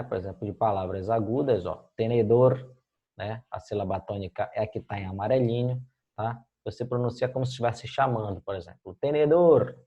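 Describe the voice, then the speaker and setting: A Brazilian man with a fairly low, mellow voice teaches Spanish in a recorded video lesson, and the recording sounds muffled. He explains patiently, checking in with his students after almost every phrase and ending lines with "tá?" and "beleza, gente?"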